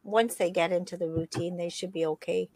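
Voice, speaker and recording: A woman's voice: lowish voice, fairly even intonation, fairly quick, a loud crowd. A middle-aged woman, chatting casually as a co-host and running through event schedules. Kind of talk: casual chat.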